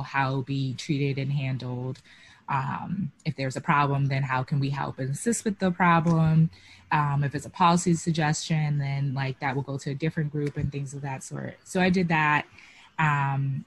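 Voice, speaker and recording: A young woman from Boston, a guest on a video call interview, talking casually with lots of "um" and "like". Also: sits low. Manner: chatty, many fillers like "um" and "like". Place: small room at home. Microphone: video call webcam.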